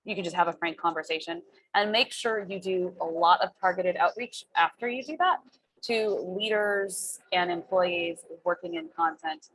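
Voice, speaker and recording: A woman's voice: fairly low pitch, fairly bright tone, rough recording. A woman hosting a group career coaching session in an encouraging, informal, conversational way.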